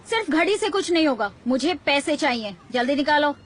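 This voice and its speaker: A woman's voice: high voice, animated, fairly quick. A woman dubbing a pushy, money-minded young woman in a Hindi series, bossy and theatrical. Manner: bossy, wheedling, theatrical complaints.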